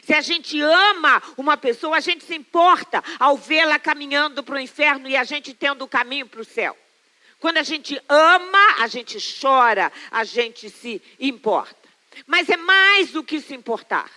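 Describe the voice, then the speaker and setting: A middle-aged Brazilian woman pastor delivering a sermon with a high, bright voice. She drives her points home by repeating phrases, then drifts into homely family anecdotes. The tone stays clear and ringing. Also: expressive, a little slow. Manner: emphatic, repeats phrases for stress. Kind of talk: sermon with personal storytelling.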